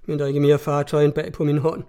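A man's voice: fairly high pitch, completely flat delivery, dark tone, smooth, close to an everyday voice. A man voicing a frightened male sailor who answers timidly with a trembling voice, in a read-aloud story. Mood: terrified.

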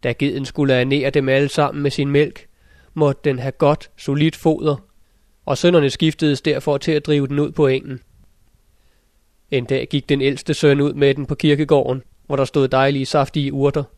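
Male narrator for a fairy-tale audiobook: mid-pitched, steady, very level intonation. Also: dry recording, studio quality. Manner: steady, measured storytelling. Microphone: close studio mic.

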